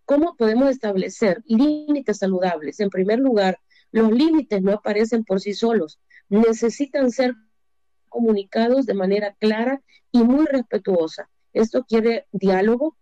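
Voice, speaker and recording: Salvadoran woman in her fifties, counsels on relationships, asks and answers her own questions, warm voice, dry room. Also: fairly high pitch, lively intonation, normal speed, no room sound. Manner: asks rhetorical questions and answers them, hesitant fillers. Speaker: relationship speaker. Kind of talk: relationship advice talk. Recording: dull lo-fi dry recording.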